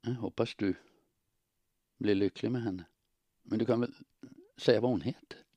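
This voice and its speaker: A man reading the lines of a desperate, unstable young woman, often softly whispered. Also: on the low side, steady tone, no echo, highs cut off. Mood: resigned.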